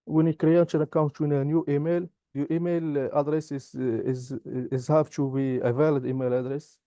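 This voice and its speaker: Halting, dark-voiced man from Morocco. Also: on the high side, level tone, no room sound. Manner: halting non-native English, many "uh" pauses. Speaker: software engineering graduate. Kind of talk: interview answers and product demo.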